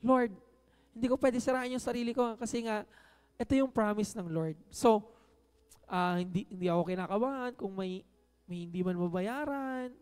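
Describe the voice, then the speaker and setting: A man's voice: high-pitched, normal speed, a little mellow, clear, resonant tone, long reverb tail. A man giving a conversational sermon in Tagalog and English, often checking in with the audience with "No?" and hitting key words with emphasis. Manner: frequent "No?" tag questions to the audience. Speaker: preacher.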